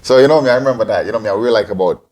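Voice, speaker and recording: A man's voice: lowish voice, very fast, a little mellow. A man in his forties, from Guyana and raised in Antigua, answering interview questions as a podcast co-host, rambling with many restarts. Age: 40s.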